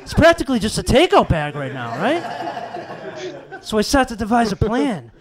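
Profane, animated stand-up comedian man. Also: high voice, normal speed, a crowd in the background. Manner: profane, exasperated storytelling with animated outbursts. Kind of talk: stand-up set.

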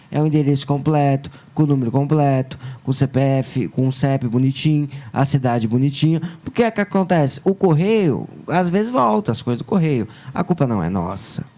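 A man hosting a live stream, joking and chatting in a playful, excitable way. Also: medium pitch, a little fast.

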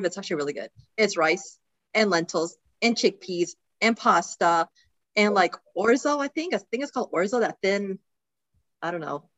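A woman's voice: mid-range voice, fairly bright tone, no echo. A young woman from Egypt, a podcast guest, talking casually and chattily with many filler words. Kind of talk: casual interview chat.

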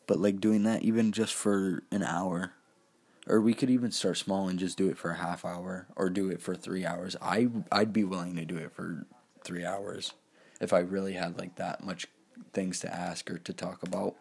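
A man's voice: deep voice, flat delivery, moderate pace, gravelly, a little mellow, slightly rough. An eighteen-year-old man talking casually on his own, rambling with lots of fillers and restarts. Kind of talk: casual solo talk.

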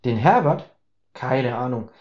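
A man voicing an easygoing, matter-of-fact neighbor who chats in a relaxed way, in a spoken story. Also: medium pitch, a little slow, close to an everyday voice. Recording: roomy, slightly dull recording.

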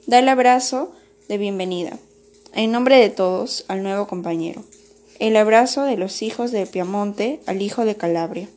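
A woman's voice: mid-range voice, darkish tone, natural voice. A woman voicing a stern, solemn middle-aged male schoolteacher who addresses his class in a formal, earnest tone. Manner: earnest speechmaking, measured and formal.

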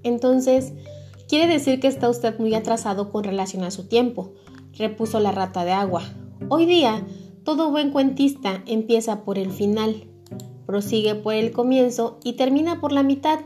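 A woman's voice: fairly high pitch, moderate pace, mellow, faint music behind, close to an everyday voice. A woman voicing a gossipy female water rat. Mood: chatty. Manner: chatty, self-important.

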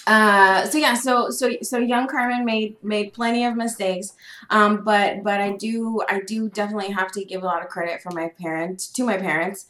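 A woman's voice: mid-range voice, fairly even intonation, normal speed, a bit bright, reverberant. A young woman, eight months pregnant and a little out of breath, talking humbly as a podcast guest with many fillers and restarts. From United States. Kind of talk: casual podcast interview. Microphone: remote call, laptop.

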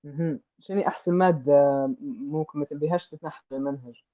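A man with a Libyan Arabic accent, hosting a casual interview and gently drawing answers out of young guests. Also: a little high, fast, dry recording, highs cut off.

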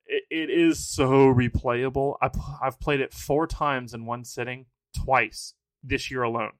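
A man's voice: medium pitch, steady tone, unhurried, no echo. A man co-hosting a board game podcast, giving enthusiastic, opinionated takes in casual chat.

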